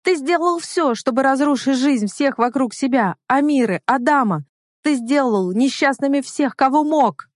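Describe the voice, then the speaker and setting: A fierce young heroine, voiced by a woman shouting accusations in a high, strained voice. The sound is dry and close, like an audiobook read at the mic. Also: lively intonation, normal speed, dry recording. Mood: defiant shouting. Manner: pleading then defiant, high outbursts.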